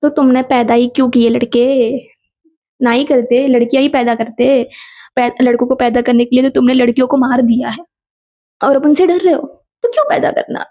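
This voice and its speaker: A young woman telling a personal story in a lively casual vlog, mixing Hindi and English. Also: sits high, normal speed. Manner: animated, mixes Hindi and English, quotes people in dialogue.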